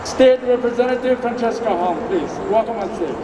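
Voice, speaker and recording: A male emcee makes halting announcements in a very high voice. He is distant in a reverberant, noisy hall. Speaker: event emcee. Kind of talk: stage announcements. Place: large hall, on a stage. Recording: echoey hall from far off, loud noise.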